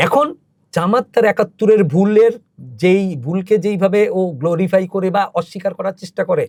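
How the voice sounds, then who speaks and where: Impassioned high-voiced man. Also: brisk, a little mellow, no room sound. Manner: emotional, emphatic storytelling with rising intensity. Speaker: podcast guest, cultural organizer. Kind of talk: impassioned interview talk.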